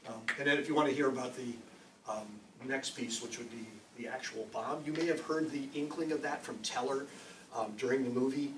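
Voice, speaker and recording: A man's voice: medium pitch, steady tone, fairly quick. A man, a science teacher, giving a casual, jokey lecture with many ums and rhetorical questions. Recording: roomy echo, distant mic, faint noise.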